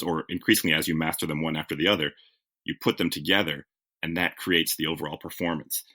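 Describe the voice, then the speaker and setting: Interviewed as a guest, a TV writer tells stories in a reflective, conversational way, often correcting himself and leaning on "like" and "you know." His voice sits low yet sounds bright, with a forceful tone.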